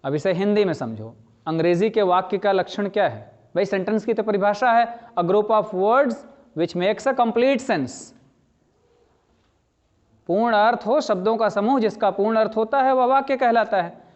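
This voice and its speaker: A middle-aged man teaching a language lesson, explaining slowly, repeating key phrases and asking his students questions. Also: high voice. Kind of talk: classroom lecture. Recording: slightly dull lo-fi sound.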